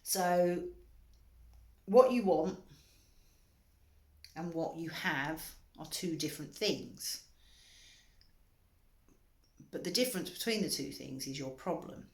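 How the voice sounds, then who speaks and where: A middle-aged woman speaks in a fairly low voice, sharing a candid self-help talk with earnest feeling. She swings between urgent outbursts and hushed, almost whispered asides. The room around her rings with echo. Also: expressive, unhurried, long pauses. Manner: earnest and emotional, rising to urgent, dropping to near-whisper. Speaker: wellbeing author and coach. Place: indoor room, moving around.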